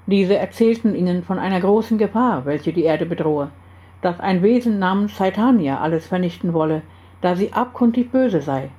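A woman narrating a story aloud in an even, measured reading. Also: on the low side, dull audio. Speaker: story reader. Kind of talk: scripted narration.

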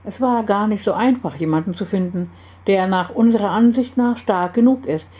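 A woman reading aloud and voicing the calm, serious male leader of a secret group. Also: mid-range voice, moderate pace, dull audio, natural voice. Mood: grave.

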